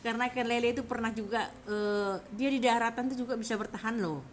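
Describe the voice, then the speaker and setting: A middle-aged woman chatting casually on a live stream, rambling about food and then pitching a herbal product to her viewers. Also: fairly even intonation, quick pace, slight background noise.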